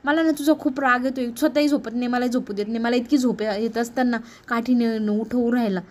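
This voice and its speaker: A woman's voice: on the high side, steady tone, brisk, natural voice. A woman voicing an irritable, sleepy young wife who snaps in exasperation and begs to be left to sleep. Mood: irritated. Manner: snappish, exasperated, pleading for sleep.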